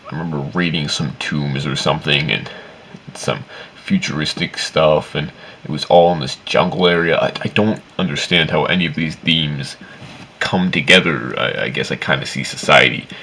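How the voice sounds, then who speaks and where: This video game reviewer speaks in a very deep, sharp-toned voice at normal speed, with a slight hiss or hum in the audio. His commentary is casual and opinionated, rambling, sweary and full of complaints.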